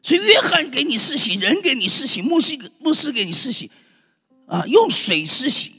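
A man's voice: very high voice, big pitch swings, normal speed, sharp tone. A male preacher delivering a fervent sermon, exclaiming and calling out to his congregation. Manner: emphatic, exclaims and calls out to the congregation. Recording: reverberant hall with faint music.

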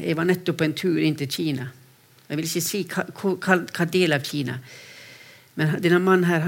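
A preacher speaking for a mission to persecuted Christians delivers a sermon built on personal stories. His fairly high voice carries vocal fry, and he is earnest, often restarting phrases with repeated words and shifting between soft and raised delivery.

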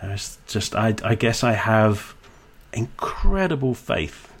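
Low-voiced man with a Suffolk accent. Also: sing-song, slow pace. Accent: Suffolk English. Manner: candid, swears casually, acts out quoted dialogue. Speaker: coach, interview guest. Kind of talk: casual reflective interview talk.

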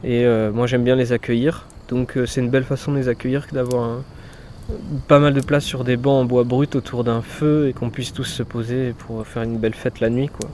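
A man's voice: mid-range voice, normal speed, slight background noise. Hesitant young man in his twenties. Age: 20s. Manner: relaxed, hesitant, frequent fillers and restarts. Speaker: forest cabin dweller. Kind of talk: casual documentary interview. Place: in a forest cabin.

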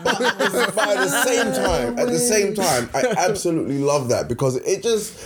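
A man's voice: high voice, expressive, moderate pace, a loud crowd. A man chatting casually as a podcast co-host. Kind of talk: casual chat.

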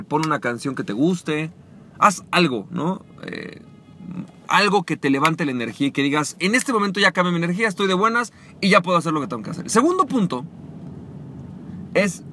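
A man hosting a podcast, coaching listeners on sales and acting out short dialogues in a calmer, lower voice. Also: slight background noise. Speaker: podcast host. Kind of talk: motivational sales talk.

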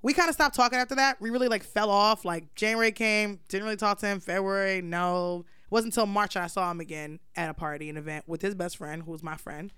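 A young woman in her twenties on a casual podcast, spinning a long story and slipping into everyone's voices as she goes. Her voice is smooth and clear, recorded close and dry with no room sound. She's blunt and profane, and throws herself into it. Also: mid-range voice, fast talker, hardly any pauses, no room sound. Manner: animated storyteller acting out dialogue, blunt and profane. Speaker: podcast co-host telling a story. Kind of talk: casual chat.

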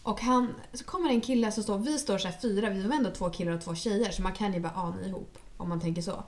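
A young woman, chatting casually and bluntly, telling stories with plenty of swearing. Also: medium pitch. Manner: blunt, animated storytelling, swears freely. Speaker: podcast co-host. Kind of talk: casual chat.

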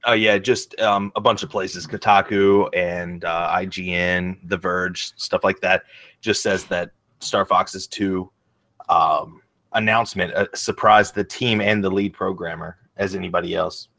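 A man's voice: low voice, fairly even intonation, a little slow, creaky, bright, forceful tone. A man co-hosting a casual gaming podcast, easygoing and hesitant, often restarting his sentences. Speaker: podcast co-host.

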